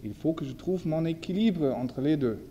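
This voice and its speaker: A man with a German accent, a native German speaker, gives an informal illustrated lecture in French, halting as he searches for words and corrects himself. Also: on the high side, lively intonation, dark tone, lo-fi sound. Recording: echoey hall with long reverb, background noise.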